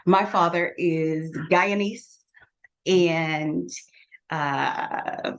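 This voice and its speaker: A middle-aged woman with a slightly low voice talks casually on a podcast. She tells stories with energy, acts out what others said, and laughs often. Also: drawn-out words, gravelly, dull audio. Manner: animated storyteller who acts out quotes and laughs often. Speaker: guest.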